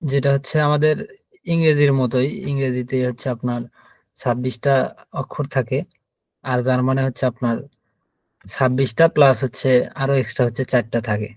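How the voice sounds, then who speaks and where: A man's voice: medium pitch, steady tone, brisk, long pauses, a little mellow, no echo. Man teaching letters, dry sound. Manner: patient, spells out letters one by one. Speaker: German teacher. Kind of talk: online language lesson.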